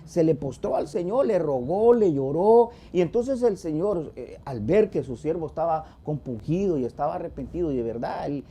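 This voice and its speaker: A man's voice: a little high, lively intonation, normal speed, hardly any pauses, mellow, slightly rough. A man co-hosting a church TV program, earnestly retelling a Bible parable in a devotional talk. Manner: earnest, emphatic retelling with acted quotes. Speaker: church TV co-host.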